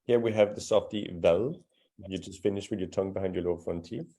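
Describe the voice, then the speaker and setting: A man's voice: low voice, fairly even intonation, fast, warm tone. A man teaching a live beginner language class, patient and encouraging as he explains pronunciation step by step. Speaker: Danish teacher.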